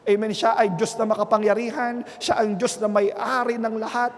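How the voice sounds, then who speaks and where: A Filipino-accented man preaches into a handheld microphone in a church sanctuary, his voice pitched very high for a man. He keeps checking in with the congregation by asking "Amen?", shifting between soft, earnest stretches and loud, emphatic ones. His voice rings with the long reverb of the hall. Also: level tone, normal speed. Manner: punctuates nearly every phrase with "Amen?" to the congregation. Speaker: pastor. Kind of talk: bilingual Sunday sermon.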